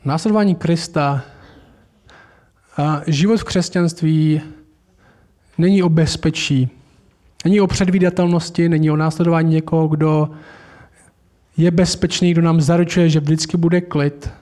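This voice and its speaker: A man's voice: a little high, steady tone, pauses often, mellow. A man preaching a sermon in church, speaking informally with frequent restarts. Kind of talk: sermon with storytelling.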